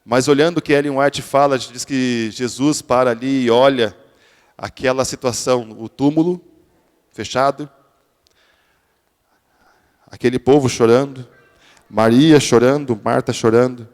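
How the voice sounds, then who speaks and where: A man's voice: mid-range voice, steady tone, unhurried, long pauses, darkish tone. A man preaching a sermon in a church, often restarting his words and then building to emphatic peaks. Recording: church sermon with long hall reverb.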